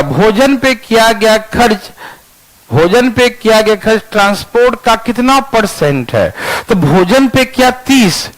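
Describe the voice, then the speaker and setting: A man's voice: high-pitched, poor audio. A male teacher working through math problems aloud, repeating each step and often checking that students understand, slipping English phrases into his explanation. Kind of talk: classroom math lesson.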